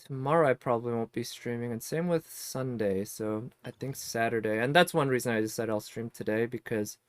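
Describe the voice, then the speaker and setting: A man talks through his gameplay on a live stream, musing and picking apart details as he goes. His voice sits at an average pitch, casual and unhurried in tone. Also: clear, resonant tone, no room sound. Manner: musing, analytical.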